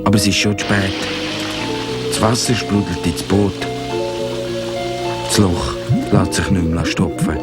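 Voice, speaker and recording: Deep-voiced Swiss German male narrator. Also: steady tone, unhurried, long pauses. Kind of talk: scripted storybook narration. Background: cartoon music.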